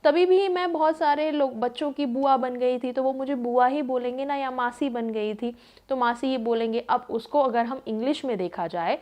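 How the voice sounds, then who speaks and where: A woman in her thirties tells a personal story in a relaxed, conversational way. Her voice sits a little high, and she leans on fillers. She acts out what others said. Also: moderate pace. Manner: chatty, lots of fillers, acts out quoted voices. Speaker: vlogger. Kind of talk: casual storytelling monologue.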